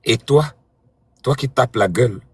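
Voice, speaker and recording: A man's voice: mid-range voice, measured pace, breathy edge, dry recording. A man hosting a live stream, taunting and mocking a rival in a heated argument.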